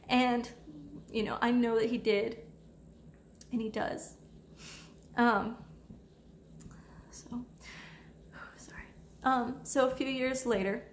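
Soft-spoken young woman, echoey room. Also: fairly high pitch. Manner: soft-spoken, hesitant, many fillers. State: tearful at times. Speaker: vlogger sharing testimony. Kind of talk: personal faith testimony. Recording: echoey room with faint ambient noise.

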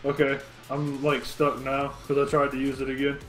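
A man's voice: mid-range voice, monotone, moderate pace, fairly bright tone, faint music behind. A man in casual online game chat, exasperated and swearing. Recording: roomy echoey mic.

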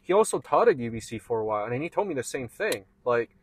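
A man's voice: medium pitch, fast talker, slightly rough. Young man chatting casually, rambling. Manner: relaxed, rambling, says "like" and "man" a lot. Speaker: co-host. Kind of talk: casual chat.

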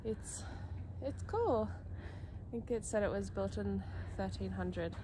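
A woman's voice: mid-range voice, slow pace. A young Australian woman chatting and giggling casually on camera while walking outdoors through a snowy city. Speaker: travel vlogger. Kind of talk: casual travel vlog chat. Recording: outdoor street noise behind.

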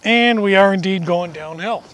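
A middle-aged man with a fairly high voice talks through a building job outside, step by step and in a chatty way. The camera mic sits a little off from him, with faint outdoor noise behind. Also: moderate pace, a bit bright. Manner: chatty, explains each step while working, self-deprecating jokes. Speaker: homesteading vlogger. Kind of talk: casual how-to narration. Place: outdoors at a wooded barn. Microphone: camera mic from a distance.

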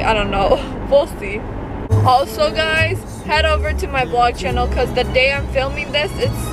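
A woman's voice: fairly high pitch, very noisy. A teenage girl chatting casually while she drives, rambling with lots of fillers. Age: teens. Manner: rambling, hesitant, frequent fillers. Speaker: vlogger. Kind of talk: casual drive-along vlog chat. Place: inside a car, driving. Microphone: dash-mounted camera mic. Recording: loud music under the voice. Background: loud Christmas music from the car radio.

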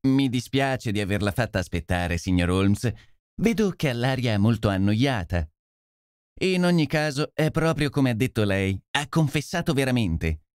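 A man's voice: medium pitch, expressive, moderate pace, smooth, dry recording, clean studio sound, close to an everyday voice. A man voicing a smug, boastful police inspector who talks down to the famous detective. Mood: smug, condescending. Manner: self-satisfied, condescending.

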